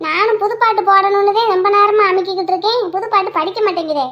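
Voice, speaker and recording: A woman's voice: very high-pitched, fairly even intonation, fast talker, dull audio, pitched below the performer's own voice. A woman voicing a mild, easygoing middle-aged male driver in a cartoon, rambling in a puzzled way.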